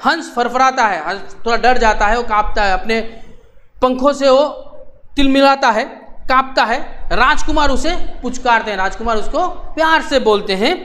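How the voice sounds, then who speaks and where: A man's voice: very high voice, sharp tone. A male teacher reading a play aloud in a lesson, repeating each line and then paraphrasing it in plain words.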